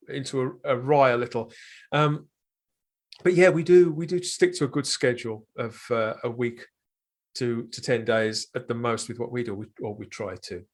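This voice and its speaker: As a reviewer guesting on a podcast, this man talks in a relaxed, meandering way, frequently rewording what he says. His pitch is medium, and his humor leans toward wry understatement.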